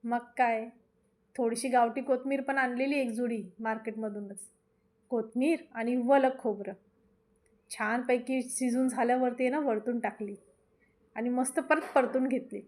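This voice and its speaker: A woman's voice: a little high, fairly even intonation, moderate pace, darkish tone. A woman hosting a home cooking vlog, chatting homely and straight to her viewers in a casual voice-over. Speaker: cooking channel host.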